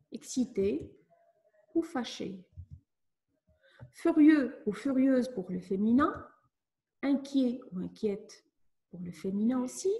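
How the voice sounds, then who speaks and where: A woman teacher giving a lesson to children, speaking slowly and clearly as she explains each step. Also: on the high side, mellow. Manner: slow, clear, instructive. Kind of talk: classroom lesson narration.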